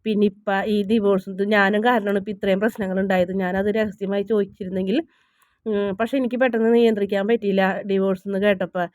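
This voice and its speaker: A woman's voice: medium pitch, flat delivery, darkish tone, no room sound, studio quality, close to an everyday voice. Woman voicing a tearful, remorseful young man. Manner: halting, apologetic pleading.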